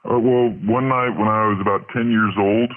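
A man's voice: lowish voice, steady tone, normal speed, no room sound. A man calling in to a show, his voice disguised by a voice changer, telling a sheepish, jokey confession story. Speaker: caller. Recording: tinny phone-like line.

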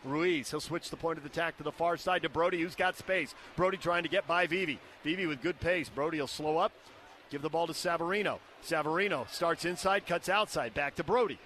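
A man's voice: fairly high pitch, brisk, a bit bright. An American man doing live play-by-play soccer commentary in short, clipped descriptions of the action, over stadium noise. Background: outdoor stadium ambience.

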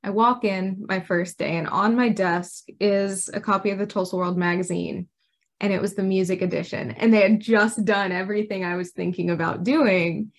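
A young woman from Arkansas with an American accent speaks in a casual, conversational interview. Her delivery is chatty and informal, sprinkled with "like", at a middling pitch for a woman. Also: fairly even intonation, normal speed. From Arkansas, United States. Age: young adult. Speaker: intern reporter being interviewed.

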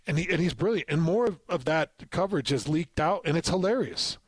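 Higher-pitched man talking sports in dry studio. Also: lively intonation, a little fast, breathy edge, no echo. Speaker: sports radio co-host. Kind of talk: conversational sports commentary.

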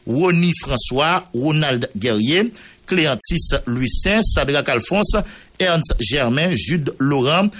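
A man's voice: on the high side, expressive, takes it slowly, fairly bright tone, slight background noise. Haitian man reading names on air. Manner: mixes Creole into French, reads long name lists. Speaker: radio news journalist. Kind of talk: news commentary, reading a court order.

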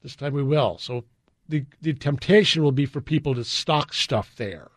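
An American man with flat vowels chats casually on the radio as a guest, in a folksy, halting way. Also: medium pitch, no room sound. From US West Coast. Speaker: guest, garden show organizer.

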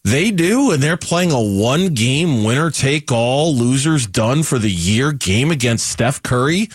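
A man's voice: medium pitch, animated, a little slow, breathy edge, no echo, studio quality. A man co-hosting sports talk radio, emphatic and repetitive, restarting his sentences often. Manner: emphatic, repeats himself, many restarts.

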